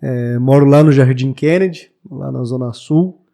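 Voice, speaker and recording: A man's voice: mid-range voice, normal speed, gravelly, warm tone. A man in his late twenties from Brazil, a bookshop owner talking reflectively as a podcast guest, with hesitant restarts. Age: 20s. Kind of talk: casual podcast interview.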